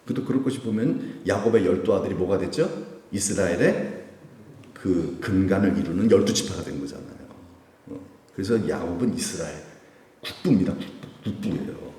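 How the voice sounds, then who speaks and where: A man's voice: low voice, moderate pace, mellow. A man preaching at a church prayer meeting, asking the congregation questions, answering them himself and laughing often. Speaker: pastor. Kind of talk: sermon at a Friday prayer meeting. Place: church sanctuary. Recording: echoey church hall with long reverb.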